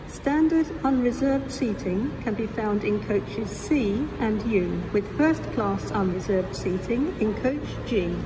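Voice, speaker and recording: A woman making formal, measured pre-recorded public announcements in the manner of an airport or railway station announcer. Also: fairly high pitch. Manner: measured, formal, item-by-item listing. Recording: noisy station PA with vehicle ambience. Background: train station ambience, vehicles.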